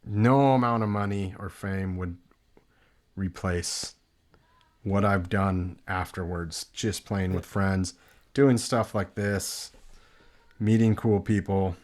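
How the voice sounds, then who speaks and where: A relaxed Californian man with a fairly low voice, telling stories in casual podcast talk. He laughs easily and keeps things loose and friendly. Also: slow. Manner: laid-back, laughs often. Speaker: guest musician.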